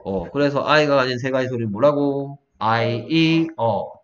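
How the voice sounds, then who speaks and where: A man tutoring English pronunciation one-on-one, saying sounds slowly and then faster, and asking the student to repeat them. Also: medium pitch. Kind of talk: one-on-one phonics lesson. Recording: dull, lo-fi sound.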